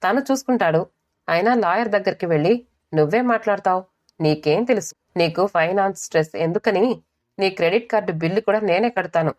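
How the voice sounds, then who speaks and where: A woman's voice: medium pitch, fairly quick, darkish tone, lightly acted. A woman voicing an impatient young husband who talks down to his wife in an audiobook story. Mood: condescending. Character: dismissive young husband, condescending.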